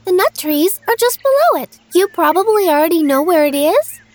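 A woman's voice: very high voice, very animated, normal speed, darkish tone, no echo, pitched above the performer's own voice. A woman voicing a sweet, polite little girl in a storybook, with an eager, innocent manner. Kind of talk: storybook reading.

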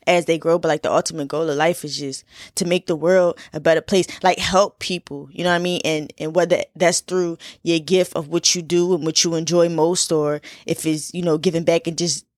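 A Philadelphia woman in her twenties hosts a casual solo podcast, her low-pitched voice steady and brisk. She chats in a laid-back way, full of fillers and repetition, and the sound is studio quality with no echo.

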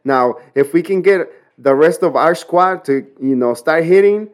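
A man co-hosting a casual sports podcast, excitable and slangy. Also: on the high side, a little slow. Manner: excitable, slangy, says bro and dude often. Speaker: podcast co-host.

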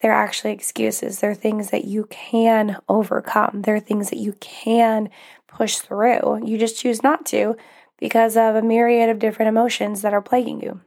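A young woman with a medium-pitched, level, gravelly voice of darkish tone hosts a casual solo podcast at a moderate pace. She coaches life and sounds upbeat and supportive, often laughing lightly and using fillers. Recovering from voice loss, she sounds slightly strained, with possible cracks.

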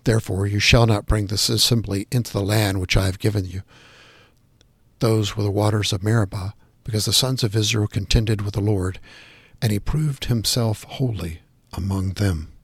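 A man reading scripture passages and prayers aloud in a measured, reverent devotional style. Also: fairly low pitch, fairly even intonation, husky, dry recording.

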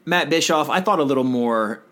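A man's voice: mid-range voice, expressive, normal speed, sharp tone. A man co-hosting a casual podcast, reading listener questions and teasing his co-host. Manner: joking, teasing, hypes his answers. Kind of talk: casual chat.

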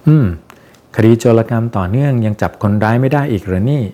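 A man voicing a calm, polite detective in a children's storybook, speaking slowly and courteously. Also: lowish voice, lightly acted. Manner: slow, courteous and unhurried. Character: calm, polite male detective with a keen nose.

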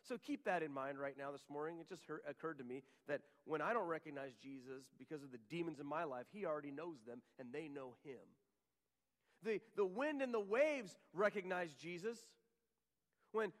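A man's voice: high voice, a bit bright, long reverb tail. A man preaching a sermon as a pastor, earnest, with frequent restarts and repeated words.

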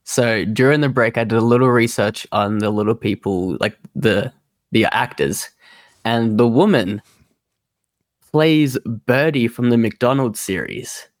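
A man's voice: medium pitch, unhurried, no echo, studio quality. A man, a podcast producer, recounting scenes in casual chat with hesitations and laughs. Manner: hesitant, giggly storytelling.

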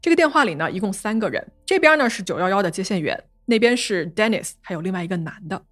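A woman hosts a podcast, narrating a true-crime case as a story in a lively way and translating quotes into Chinese. Her voice is mid-range and she talks fast, with faint music in the background.

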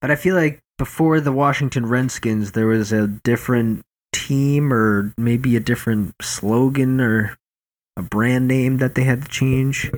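A man's voice: mid-range voice, unhurried. A man co-hosting a podcast, talking in casual, profane, joking banter. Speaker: podcast co-host.

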